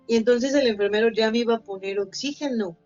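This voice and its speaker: A woman's voice: on the high side, a little fast, a little mellow. A woman, chatting on a podcast and telling a personal story with plenty of fillers. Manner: anecdotal, acts out quoted voices, many fillers. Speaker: podcast co-host. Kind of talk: casual podcast chat. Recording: slightly dull lo-fi, faint music bed.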